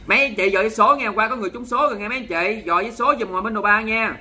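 His high, very bright and sharp voice carries a Southern Vietnamese accent from the Mekong Delta. As a livestream host for charity, he speaks at a quick clip, playfully scolding viewers in a sassy, theatrical manner.

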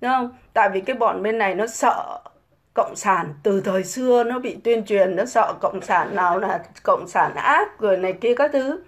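A woman's voice: mid-range voice, moderate pace. A middle-aged woman ranting scornfully on a casual livestream, full of mocking rhetorical questions. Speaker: livestream host.

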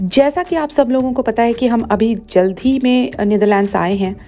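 A woman's voice: on the high side, moderate pace, warm tone, a little hiss or hum. A woman in her thirties narrating a casual food vlog in a chatty, upbeat way, slipping English phrases into her talk. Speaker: food vlogger.

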